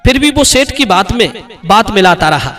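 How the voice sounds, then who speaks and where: A man's voice: high-pitched, expressive, moderate pace, pushed and bright, soft background music. A man narrating a moral folk tale, addressing the listeners as friends. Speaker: storyteller.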